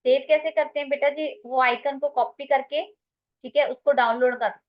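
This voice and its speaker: Indian woman teaching grammar online, kinda high voice, muffled lo-fi sound, keeps calling students beta. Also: fairly even intonation, moderate pace. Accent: Indian English. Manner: addresses students as beta, mixes Hindi and English. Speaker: English teacher.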